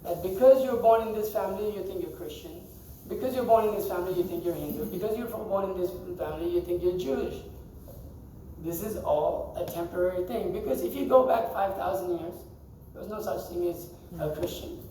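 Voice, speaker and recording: A man's voice: high-pitched, brisk, warm tone, slight background noise. A man teaching a scripture class to a group in a temple, talking conversationally, quizzing the audience and laughing often. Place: temple hall. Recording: echoey hall, mic far off.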